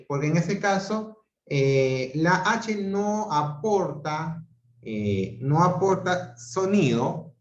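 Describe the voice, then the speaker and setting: A Peruvian man with a Peruvian Spanish accent and a fairly high-pitched voice teaches an online grammar class over video call. He speaks slowly and deliberately, repeats each example syllable by syllable, and checks understanding with frequent "¿ok?" and "¿ya?". The video-call audio sounds roomy and dull.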